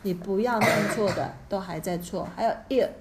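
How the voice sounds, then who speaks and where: A woman's voice: mid-range voice, moderate pace, noisy background. A woman teaching English pronunciation in class, asking questions and correcting students by repeating words back to them.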